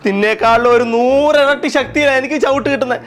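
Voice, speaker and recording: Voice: sits high, fast talker, a bit bright. A performer voicing a sore, know-it-all bike gear that moans and scolds. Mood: moaning. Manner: scolding, moaning.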